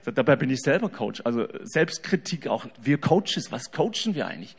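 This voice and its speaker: A man giving a humorous faith talk to an audience, telling stories in an animated way that swings between loud and soft, in a reverberant hall. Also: medium pitch, normal speed, gravelly, breathy edge.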